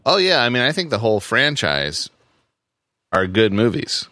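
A man in his thirties co-hosting a casual movie chat, joking and animated. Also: mid-range voice, moderate pace, dry recording. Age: 30s. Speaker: podcast co-host.

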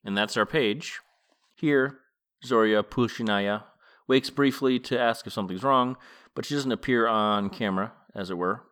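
A male podcast host reading a novel aloud and commenting on it. His voice sits a little low, and he reads at a steady, plain pace. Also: clean tone.

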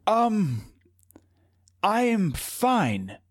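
A performer doing a slow, prim shopkeeper. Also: mid-range voice, very animated, breathy edge, no room sound, clean studio sound, full character voice. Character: curious, oddly formal shopkeeper. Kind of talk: comedic improv character.

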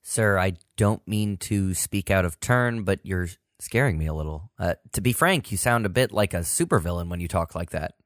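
A man's voice: sits low, lively intonation, moderate pace, few pauses, no echo, studio quality. A man playing a worried, deferential Secret Service agent in a satirical sketch, pleading formally and politely. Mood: worried, frank. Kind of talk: scripted satirical sketch acting.

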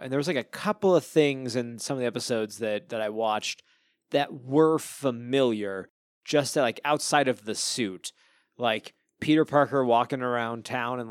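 A man's voice: mid-range voice, no echo. Podcast guy, mid voice, chill chatty, dry close sound. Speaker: podcast co-host. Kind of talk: casual chat.

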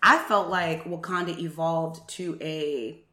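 A woman in casual discussion who acts out quotes with lively jumps in pitch. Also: slow. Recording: echoey room.

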